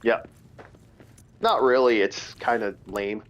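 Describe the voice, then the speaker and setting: A man's voice: fairly low pitch, steady tone, slow pace, fairly bright tone, lo-fi sound. A man casually chatting about fantasy games on a live stream, rambling and swearing freely. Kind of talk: casual chat while gaming.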